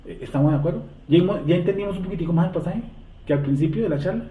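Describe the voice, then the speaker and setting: A man's voice: high voice, very fast. Man teaching with rhetorical questions. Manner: asks the class rhetorical questions and answers them. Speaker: Bible teacher. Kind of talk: classroom Bible lesson. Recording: tinny, echoey room, distant mic.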